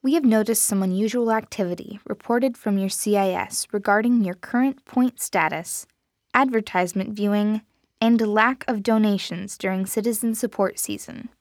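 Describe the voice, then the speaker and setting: A flat, mechanical smartwatch assistant, as a woman reading a story puts it on, polite yet cold, in a medium-pitched voice. The recording is dry and close. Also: moderate pace, dry recording, close to an everyday voice.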